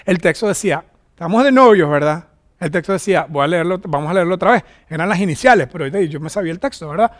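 A man's voice: high voice, lively intonation, fast talker. A man in his forties from Venezuela, a pastor preaching a sermon in a chatty, joking storytelling way.

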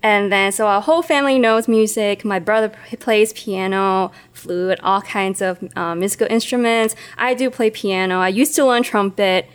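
Woman, smooth clear voice, reflective, hesitant storytelling. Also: medium pitch, moderate pace, few pauses. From Hong Kong. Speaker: podcast co-host. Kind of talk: casual podcast storytelling.

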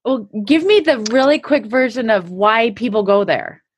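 Lively breathy woman interviewer. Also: fairly high pitch, moderate pace. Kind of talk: conversational interview.

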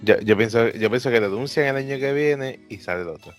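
A man's voice: mid-range voice, fast talker, faint music behind. A man chatting casually about video games in slangy Spanish sprinkled with English words. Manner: slangy, teasing.

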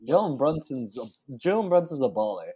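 A young man hosting a casual sports talk podcast, animated and slangy, talking in restarts. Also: medium pitch, brisk. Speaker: podcast host.

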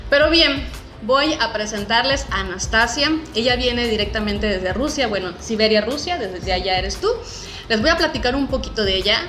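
A Mexican woman hosts a podcast in a chatty, emphatic style. Her voice is bright and forceful and a bit high. It rings in an echoey room. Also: expressive, moderate pace, soft background music. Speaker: podcast host. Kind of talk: upbeat presenting and interviewing.

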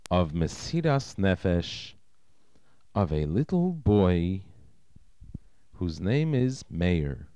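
A man who is a rabbi narrates a story in a slow, expressive, dramatic storytelling manner. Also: deep voice, clear, resonant tone, no echo.

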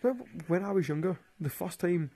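Speaking fast in a high, mellow voice with a breathy edge, this man from Glasgow is expressive as he tells casual stories in a monologue. He rambles, swears freely and laughs at his own jokes, in a Glaswegian Scottish accent.

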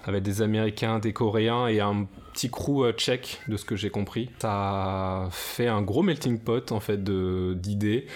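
A man's voice: on the low side, fairly even intonation, normal speed, few pauses. A man talking casually on a podcast, thoughtful and hesitant with many fillers. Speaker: podcast co-host. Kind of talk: casual discussion.

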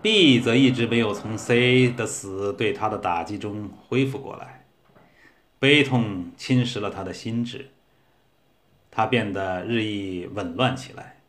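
A man narrating a humorous short story in a steady, measured reading. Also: fairly low pitch.

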